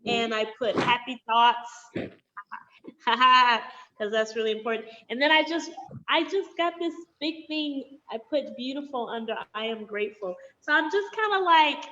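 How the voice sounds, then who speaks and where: A woman's voice: fairly high pitch, unhurried, sharp tone. A woman taking part as a guest in a casual chat, talking in a rambling, self-interrupting, giggly way. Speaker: guest participant. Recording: dull lo-fi audio.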